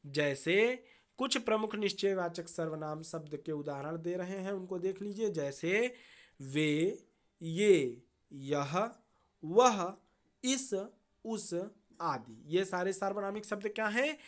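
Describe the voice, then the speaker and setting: A woman teacher explaining a grammar lesson to students, slow and deliberate, often checking in with a quick "okay" and repeating key terms. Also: on the low side, lively intonation.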